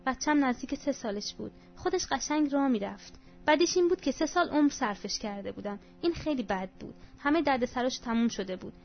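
A woman with a fairly high voice reads a first-person story aloud, her telling emotional and confessional. The sound is slightly dull, and soft music plays underneath.

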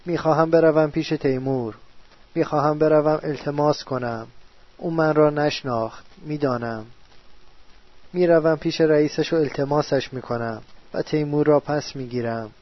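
A man's voice: on the high side, steady tone, natural voice. An actor playing a distraught man who argues and pleads with himself at night, in an agitated, quarrelsome way, in a radio drama. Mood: frantic. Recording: dull, dry studio recording.

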